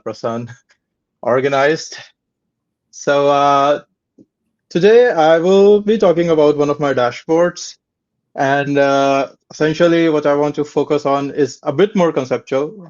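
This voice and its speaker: A man starts his talk over a video call, sounding modest and a bit self-deprecating and using plenty of fillers. The call audio is slightly dull and muffled. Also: medium pitch. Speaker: guest presenter. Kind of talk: casual online presentation.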